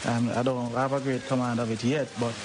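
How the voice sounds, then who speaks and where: On a noisy old interview tape, a Jamaican-accented man chats casually with a musician for a radio piece. His medium-pitched voice moves little in pitch and comes at a fairly quick pace as he probes, often starting his questions over.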